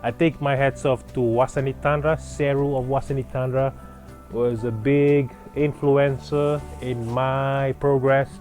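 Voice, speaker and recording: A man's voice: mid-range voice, flat delivery, measured pace, a little mellow, soft background music. A man from Fiji, a clothing brand founder, answering interview questions in an earnest, proud way with many fillers and restarts.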